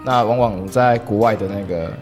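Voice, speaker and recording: A man who teaches whisky, explaining tasting in a casual chat, quick and quietly confident. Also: on the low side, soft background music. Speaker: whisky instructor.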